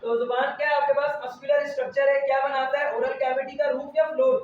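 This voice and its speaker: A man teaches biology in a classroom and keeps firing questions back at his students. His fairly high voice sounds dull and lo-fi. It is picked up from a distance in a very echoey room, with faint noise underneath. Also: level tone, quick pace. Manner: quizzes students with repeated questions. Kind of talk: classroom lecture. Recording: echoey lo-fi room recording from afar.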